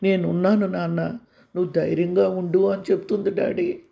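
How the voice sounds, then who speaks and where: A man's voice: flat delivery, moderate pace, creaky, dark tone. A man doing a scared feverish little boy. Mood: pleading. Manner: high, pleading, tearful. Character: frightened seven-year-old boy with fever.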